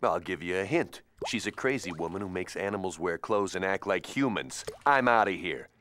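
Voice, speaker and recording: An actor voicing a grumpy, sarcastic male pet animal in a cartoon, who complains gruffly. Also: deep voice, animated, moderate pace, a bit bright. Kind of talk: cartoon voice acting. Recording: faint music behind.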